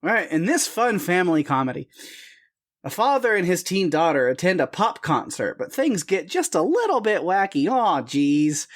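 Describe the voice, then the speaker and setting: His voice sits high and sing-song, moving at a measured pace with long pauses, as he co-hosts a film podcast. The talk is casual and rambling, full of restarts and small, self-mocking laughs.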